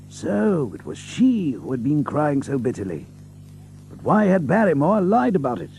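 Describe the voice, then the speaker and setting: An actor playing an earnest, polite gentleman doctor who narrates and speaks in a radio drama, measured and courteous. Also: on the high side, low-quality recording. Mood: pensive.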